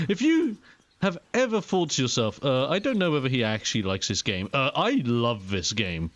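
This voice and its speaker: A young man giving casual, chatty and expressive let's play commentary on a video game. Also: medium pitch, normal speed, hardly any pauses, dry recording. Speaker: gaming video host.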